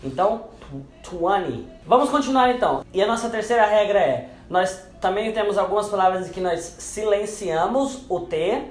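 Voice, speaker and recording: With soft music playing in the background and a reverberant sound, a man teaches English pronunciation at normal speed with lively intonation. He patiently explains every rule, repeating the example words several times in a lower voice.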